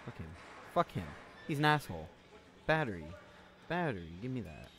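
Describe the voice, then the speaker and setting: A man giving casual gameplay commentary, swearing a lot, talking to the game's characters and yelling when startled. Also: medium pitch, sing-song, a little fast. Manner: jumpy, yells when startled. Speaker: let's play host.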